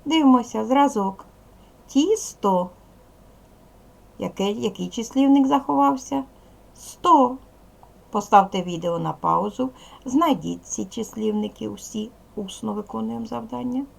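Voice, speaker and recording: A Ukrainian-accented woman with a slightly high voice leads a recorded lesson for young children. As a primary school teacher, she gives slow, clear instructions.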